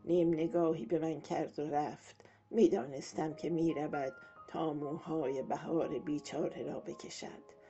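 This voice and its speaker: A woman reads a novel aloud in a calm, measured way, her voice low and gravelly with a dark, mellow tone. The recording is dull and lo-fi, with faint music underneath. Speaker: audiobook narrator. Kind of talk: novel reading.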